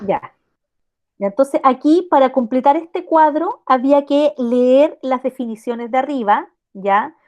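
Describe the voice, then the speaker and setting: A woman's voice: high-pitched, animated, a little slow, a little mellow. A woman with a Chilean accent teaching an online language class, explaining step by step and often checking in with the students. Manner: explanatory, checks in with rhetorical questions.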